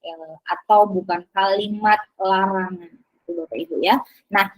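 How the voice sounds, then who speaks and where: A woman's voice: mid-range voice, fairly even intonation, a little slow, lo-fi sound. A woman teacher presenting to fellow teachers, talking with many fillers and tag questions.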